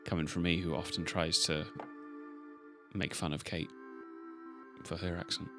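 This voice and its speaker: A young man chatting through a live stream of a game in a low voice. He is casual, self-mocking and swears now and then. Soft game music sits under his talk. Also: level tone, measured pace.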